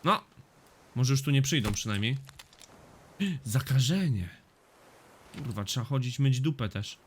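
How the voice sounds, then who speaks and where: A man casually narrating his own gameplay, cursing often and getting loud when the action picks up. His voice sits at an ordinary middle pitch. There is clear background noise under the recording. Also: measured pace. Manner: swears often, excitable reactions to the game. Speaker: gaming YouTuber. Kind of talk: casual let's-play commentary.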